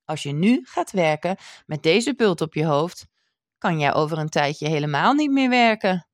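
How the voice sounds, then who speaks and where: A woman voicing a calm, firm male village doctor in a storybook. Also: low-pitched, moderate pace, dry recording, clean studio sound.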